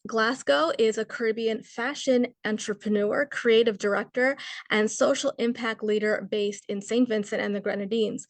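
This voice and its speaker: Gravelly-voiced woman hosting a panel. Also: on the high side, no echo. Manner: formal, reads guest introductions. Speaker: host.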